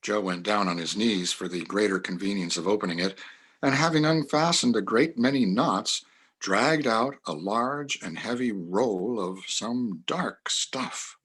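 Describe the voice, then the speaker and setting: A man with a husky, rough-edged voice narrates a classic story. His pitch is fairly low, and he reads from a script. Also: a little slow, a bit bright.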